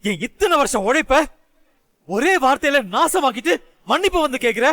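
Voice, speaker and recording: A man's voice: very high-pitched, very animated, moderate pace, bright, forceful tone, dry recording, exaggerated voice. An actor dubbing an angry young husband who harshly accuses his wife, in a dry studio voice-over. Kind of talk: Tamil serial dub acting.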